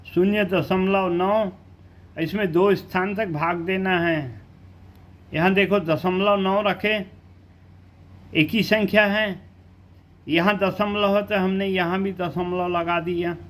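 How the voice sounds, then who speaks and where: A man with a high voice works through a math lesson at an unhurried pace. He explains each step patiently and keeps asking the class questions as he goes. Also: a bit bright. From India. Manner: slow, step-by-step explaining with frequent rhetorical questions. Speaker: math teacher.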